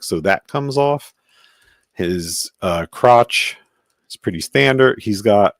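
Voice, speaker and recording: A man with a very low voice hosts a casual live-stream toy review as a toy collector, rambling and thinking aloud while handling a figure. The sound is dry and close, with no room around it and no echo.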